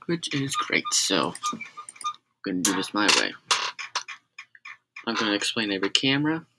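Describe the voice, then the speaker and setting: A man's voice: lowish voice, very noisy. A man rambling on a casual live stream, correcting himself and adding sarcastic asides.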